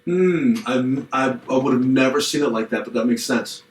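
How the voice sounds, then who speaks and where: A middle-aged man co-hosts a podcast in a casual, reflective way, circling back with restarts and slipping in dry, self-deprecating jokes. His voice sits at an ordinary mid pitch. It rings around an echoey room. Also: normal speed, recorded from a distance. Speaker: podcast co-host, pastor. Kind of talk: casual chat.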